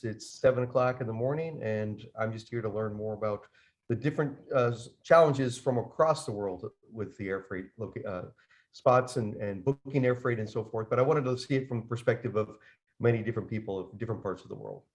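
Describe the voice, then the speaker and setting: A man's voice: lowish voice, fairly quick. A man casually introducing himself as an audience guest on an online panel. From United States. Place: remote group video call.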